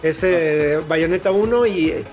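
A man with a Mexican accent hosting a casual podcast chat, animated and full of slang, often talking over the others. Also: a little high, slow pace, loud music behind the voice. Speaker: podcast host.

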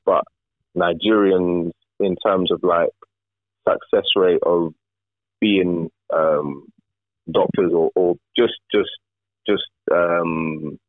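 Deep-voiced man on a phone line. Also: dry recording. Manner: halting, repeats words, many fillers. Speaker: podcast co-host. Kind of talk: casual chat. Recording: tinny phone-like remote call.

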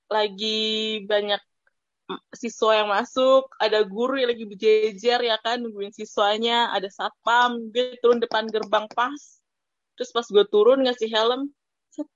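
A young woman co-hosting a casual podcast, telling embarrassing stories in an animated way and laughing through the punchlines. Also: a little high, no echo, muffled recording. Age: young adult. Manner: animated storytelling, laughs into her own punchlines. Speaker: podcast co-host. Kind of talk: casual chat.

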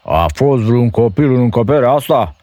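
A man's voice: medium pitch, expressive, warm tone, no room sound, pitched above the performer's own voice, close to an everyday voice. A man voicing a fearsome, suspicious man-eating ogre in a fairy tale. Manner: roaring, sniffing suspicion.

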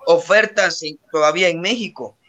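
Guatemalan dude, bright sharp high voice, opinionated about football. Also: male voice, normal speed, lo-fi sound. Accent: Guatemalan Spanish. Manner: opinionated, emphatic, uses "vos". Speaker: podcast co-host. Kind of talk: casual sports chat.

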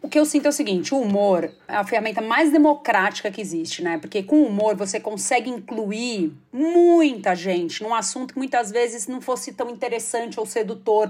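A Brazilian actress and comedian in an interview, telling stories in a lively way and jumping her pitch up when she quotes other people. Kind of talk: conversational storytelling interview.

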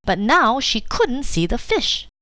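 A woman reads a children's story aloud with gentle, lively expression, her voice rising and falling freely. The sound is close and dry. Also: fairly high pitch, takes it slowly, dry recording.

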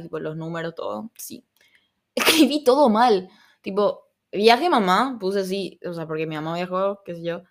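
A young woman from Paraguay with Argentine touches in her Spanish, rambling and giggling through a casual solo podcast chat. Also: lowish voice. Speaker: podcast host.

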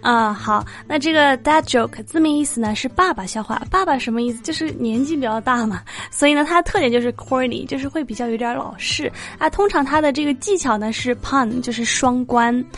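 A slightly high-voiced woman leads a bilingual lesson, explaining terms step by step with bright energy. Gentle guitar music runs behind her. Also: brisk, hardly any pauses. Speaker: English teacher host.

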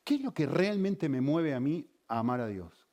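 A man's voice: fairly high pitch, very animated, normal speed, a little mellow. A man preaching a sermon, engaging the congregation with frequent questions. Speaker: pastor.

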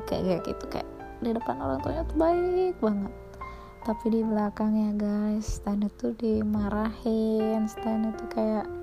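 A woman's voice: medium pitch, warm tone. A young woman casually telling stories about her former daycare job, chatty and full of fillers. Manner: chatty, lots of fillers, mimics others in quotes. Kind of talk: casual storytelling chat.

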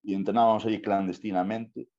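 A man's voice: fairly low pitch, level tone, fast, a little mellow, dull audio. A young man from Spain with a Spanish accent, a bodybuilder guest telling his story in a casual interview, swearing freely and tagging lines with "tío" and "¿sabes?". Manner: slangy, swears often, keeps saying "tío" and "¿sabes?".

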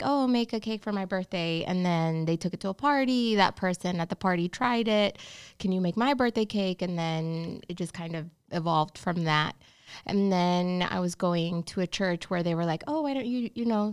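Gravelly-voiced woman from Honduras, chatty. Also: on the low side, no room sound, studio quality. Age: 30s. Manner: chatty, storytelling, upbeat. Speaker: bakery owner, guest. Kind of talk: casual interview chat.

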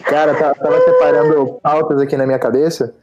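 A man's voice: on the high side, wildly swooping pitch, fairly quick, lo-fi sound, loud music behind the voice. A young man, co-hosting a podcast in casual banter. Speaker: podcast co-host.

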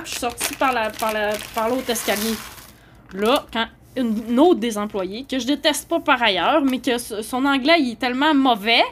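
A woman with a Québécois French accent, a journalist speaking in an indignant, rambling monologue full of "là" and "tu sais". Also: on the high side. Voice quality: heated, indignant rambling with frequent "là". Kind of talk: casual monologue. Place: homeless shelter.

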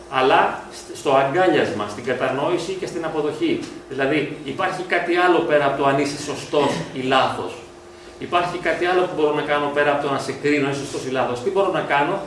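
A man's voice: fairly high pitch, distant mic, a little hiss or hum. Man lecturing in an echoey hall. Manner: reflective, asks rhetorical questions. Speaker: psychologist. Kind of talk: lecture at a parent event. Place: school hall. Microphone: distant from the mic.

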